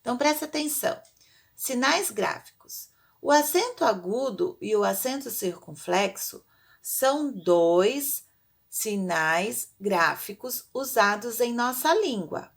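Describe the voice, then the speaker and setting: A woman's voice: fairly high pitch, expressive, takes it slowly, gravelly. A woman teaching a recorded class lesson, patient and drawing out her example words.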